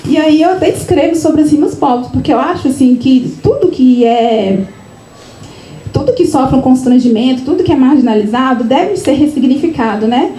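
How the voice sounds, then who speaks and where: A woman's voice: sits high, expressive, normal speed, dark tone. Chatty woman, echoey room. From Minas Gerais, Brazil. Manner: chatty, frequent tag questions and restarts. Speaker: author at her book launch. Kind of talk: casual personal storytelling to an audience. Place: event room, live audience. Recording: echoey room with faint noise.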